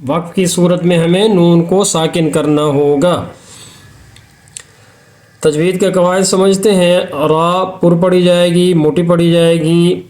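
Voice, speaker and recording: A man's voice: high voice, steady tone, darkish tone. Methodical man teaching recitation rules. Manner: slow, drawn-out recitation between brisk explanations; methodical, repeats rules step by step. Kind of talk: Hindi-Urdu lesson on tajweed, with recitation.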